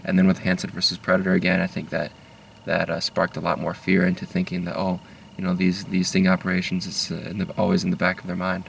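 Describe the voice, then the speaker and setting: A man rambling in a low-key, halting way with many fillers while driving, recorded a little away from the mic in a car. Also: monotone, creaky, far from the mic, slight background noise. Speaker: vlogger. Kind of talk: rambling casual monologue. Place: inside a moving car.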